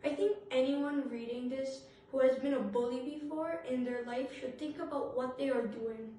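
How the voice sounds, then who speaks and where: High-voiced girl in a very echoey room. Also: steady tone, normal speed, warm tone, a little hiss or hum. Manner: earnest, appealing to listeners. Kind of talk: prepared student speech. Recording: very echoey room, far from mic.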